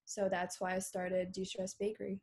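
A woman's voice: mid-range voice, completely flat delivery, moderate pace, darkish tone. A teenage girl, a student who founded a bakery, speaking casually on a video call from her bedroom, with some hesitant fillers. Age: teens. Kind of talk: casual interview. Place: bedroom at home. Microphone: video call webcam.

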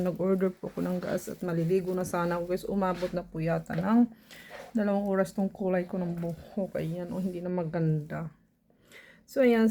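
A woman's voice: medium pitch, mellow. Chatty woman vlogging. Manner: chatty, mixes in Cebuano and English, laughs often. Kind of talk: casual vlog talk to camera.

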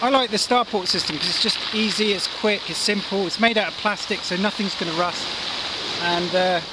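A middle-aged kayak angler reviews gear in a casual, hands-on demo on a pebble beach by the sea, explaining each step with plenty of fillers. His voice is high-pitched and moves at a normal speed. A distant mic catches loud wind and surf.

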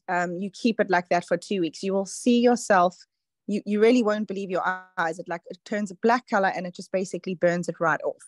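A woman's voice: medium pitch, a little mellow, no room sound. A woman talks through tips on a casual online call, chatty and explanatory, her words tumbling out with fillers. Her voice sits mid-range and sounds close and dry. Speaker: presenter on a product call.

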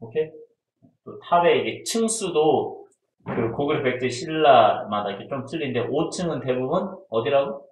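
A man's voice: medium pitch, expressive, normal speed, a little mellow. A man teaching history in a casual exam-prep lecture, who asks his students questions and answers them himself. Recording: roomy echo.

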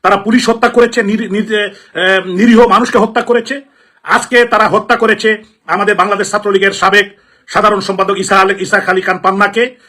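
Speaking at normal speed with fairly even intonation, a Bangladeshi-accented man from Sylhet delivers a fiery political speech in a high, sharp voice. He sounds indignant and forceful, repeating his points the way an elected official courts the public.

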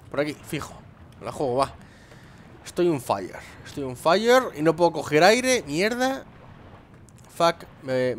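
Young man, let's-play host, bouncy pitch, curses often. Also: slight background noise. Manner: animated, swearing, muttering to himself. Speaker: gameplay host.

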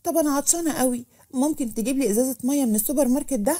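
A woman's voice: sits high, rapid-fire, warm tone. A woman doing an anxious young Egyptian woman. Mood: light. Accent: Egyptian Arabic. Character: frightened young woman on the run, tearful.

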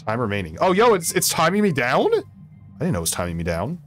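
A man's voice: medium pitch, huge pitch swings, fairly quick, soft background music. A man streaming a video game, commenting casually in a playful, jokey way and laughing often.

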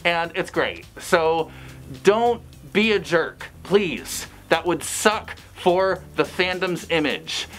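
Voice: mid-range voice, big pitch swings, slow, fairly bright tone. A fursuiter giving blunt, chatty advice in a casual vlog, speaking through a costume head. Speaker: fursuiter vlogger.

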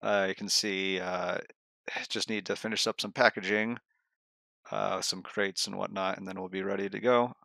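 A man playing a tabletop role-playing game over voice chat, thinking aloud in a halting manner. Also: low-pitched, steady tone, vocal fry, pushed and bright, no room sound. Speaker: tabletop role-play player.

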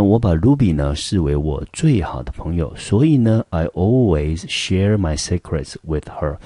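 A man's voice: extremely low pitch, dark tone, no room sound, studio quality. A man teaching English vocabulary in patient, explanatory Mandarin with a Taiwanese accent, walking through words and example sentences. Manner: patient, explanatory, sprinkles fillers like 呢 and 来.

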